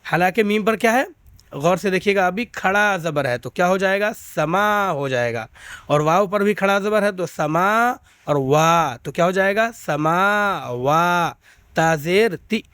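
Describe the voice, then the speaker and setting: A man with a Pakistani Urdu accent teaching Quran reading, spelling out syllables and drawing them out slowly, then explaining in quicker asides. He patiently checks in with his listeners. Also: high-pitched, a bit bright, dry recording. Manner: slow drawn-out syllable recitation between quick explanations. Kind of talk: spelled-out recitation lesson.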